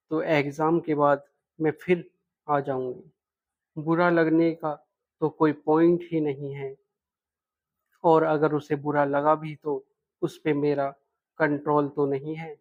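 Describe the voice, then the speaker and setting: A man voicing a frank, playful young woman student in a read-aloud love story, in a dull lo-fi recording. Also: on the high side. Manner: direct, playful, lightly teasing.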